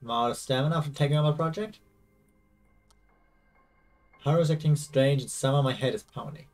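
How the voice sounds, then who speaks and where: A man's voice: fairly high pitch, fairly quick, darkish tone, far from the mic, natural voice. A man reading aloud as a young male game protagonist, confused and anxious, over faint game music. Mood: uneasy.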